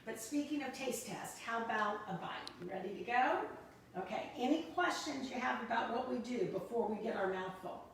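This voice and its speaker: A woman's voice: a little high, expressive, moderate pace, vocal fry, recorded from a distance. An upbeat woman leads a kids cooking class, coaxing answers with friendly questions. Her voice sits a little away from the mic and rings around a very echoey room with a faint hiss underneath. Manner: upbeat, encouraging, asks leading questions.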